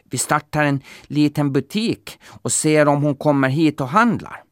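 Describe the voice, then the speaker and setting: A man's voice: on the high side, lively intonation, dry recording, studio quality, pitched above the performer's own voice, close to an everyday voice. Man doing a patient know-it-all wolf. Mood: explaining. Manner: patient, explaining. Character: wise helpful talking wolf, male.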